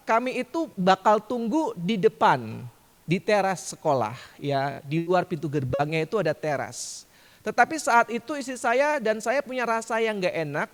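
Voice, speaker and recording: Guy preaching in church, kinda high voice, tells a story and acts out the yelling bits, big hall echo. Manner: storytelling, acts out quoted shouts. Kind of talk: sermon testimony. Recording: long church hall reverb.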